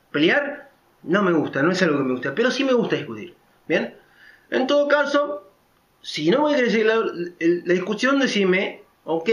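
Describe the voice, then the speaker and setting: A male vlogger delivers a casual opinion monologue in a loud, emphatic voice pitched higher than most men's, often tossing in quick tag questions to check in. The recording sounds roomy and slightly dull.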